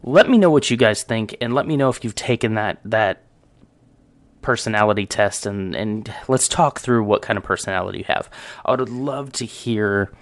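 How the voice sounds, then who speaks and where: A man with a lowish voice hosts his own audio show, speaking at a moderate pace into a close studio microphone with no room sound. In this casual solo talk he chats with listeners about himself, reflective and self-aware.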